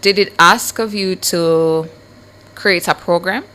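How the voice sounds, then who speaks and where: Animated woman radio host. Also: fairly low pitch, takes it slowly. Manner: chatty, animated, teasing. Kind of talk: casual radio chat.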